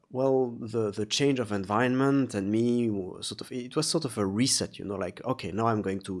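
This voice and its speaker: Low-voiced, halting man with a slightly sore throat. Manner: halting, searching for words. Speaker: vlogger, artist. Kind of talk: casual confessional vlog monologue.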